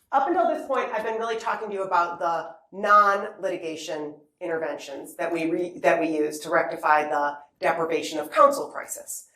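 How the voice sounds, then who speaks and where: A woman professor giving a formal public lecture with conversational asides, speaking emphatically and checking in with her listeners. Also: mid-range voice. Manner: emphatic, checks in with "okay?" and "right?". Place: lecture hall before an audience. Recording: echoey hall, distant mic, faint noise.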